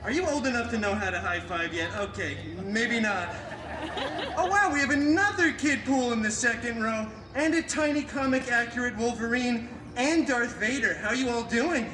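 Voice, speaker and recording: Playful banter fills this clip of a man voicing a high-pitched, hammy, wisecracking antihero who narrates a comic story to children on a theme park stage. His intonation is lively and sarcastic, lurching between dramatic storytelling and rapid asides to the crowd. Background noise and loud music ring through the echoey live recording.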